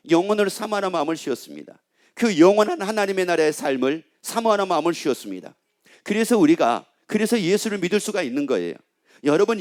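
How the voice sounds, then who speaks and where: A man preaching a sermon with a high, lively voice that climbs and falls a lot. He keeps asking the congregation questions and repeats his phrases in long rolling lists. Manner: rhetorical questions and repetition. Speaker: pastor.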